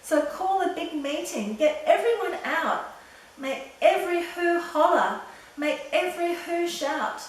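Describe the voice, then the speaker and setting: A woman voicing a gentle, earnest male elephant in a storybook, pleading and exclaiming urgently. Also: very high voice, expressive, a little slow, voice pushed up. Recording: roomy echo, distant mic, faint noise.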